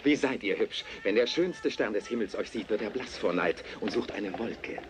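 A man's voice: fairly low pitch, lively intonation, moderate pace, background noise, lightly acted. A man dubbing a boastful, hot-tempered male suitor in a film who talks in a flowery, swaggering way. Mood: flattering.

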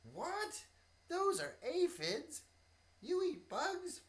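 A woman voicing a small, hungry, polite bee with a squeaky, excitable voice for children. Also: slow. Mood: shocked. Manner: squeaky, excited, shrill when shocked.

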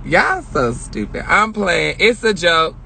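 A woman's voice: lowish voice, very animated, takes it slowly, creaky, bright, forceful tone. A woman hosting a casual live stream from inside her car on a phone, talking in a brash, joking, profane way. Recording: car noise behind.

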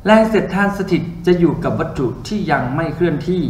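A man's voice: on the high side, expressive, fast, a little mellow. A man tutoring physics in a classroom lecture, chatty and joking with his students as he works through problems on the board. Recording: roomy classroom with faint ambience.

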